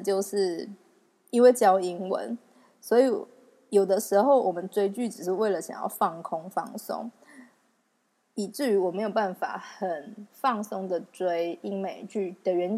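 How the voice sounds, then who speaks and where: A young woman with a Taiwanese Mandarin accent talks through her own podcast episode alone, loose and conversational. She pokes fun at herself and laughs easily between thoughts. Her pitch sits in a middle range for a woman. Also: a little mellow. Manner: chatty and self-mocking, laughs often. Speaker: podcast host. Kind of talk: casual solo podcast monologue.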